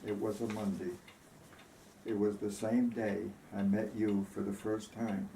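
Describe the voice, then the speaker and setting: A man with a fairly low, warm, level voice reads unhurriedly from a storybook, voicing a tender, grieving woman who earnestly and reflectively recalls her lost love. The mood is wistful, with roomy echo and faint background noise.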